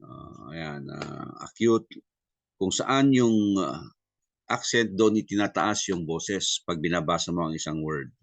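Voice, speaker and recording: A man teaching a Greek review class. He mixes Tagalog and English, uses many fillers and tag questions, and slows down to spell out sounds. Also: sits low, lively intonation, vocal fry, no echo. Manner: spells out sounds slowly and deliberately.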